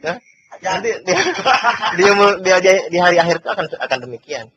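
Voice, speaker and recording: A man's voice: sits high, expressive, moderate pace, a bit bright. A man giving an informal Islamic lecture as a teacher, reading and explaining a classical text in a conversational way with rhetorical questions. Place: religious study gathering. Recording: muffled, noisy old amateur recording.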